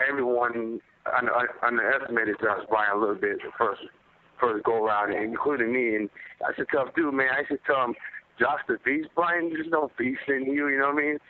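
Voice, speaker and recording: A man, a professional fighter, chatting casually and slangily as he answers questions on a media conference call over the phone. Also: mid-range voice. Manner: slangy, repetitive, conversational. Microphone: telephone. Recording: narrow phone line with faint noise.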